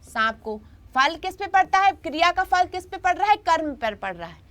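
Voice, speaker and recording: A woman's voice: extremely high pitch, big pitch swings, normal speed, fairly bright tone. A woman teaching a grammar lesson in an online class, repeating her points and often checking in with her students.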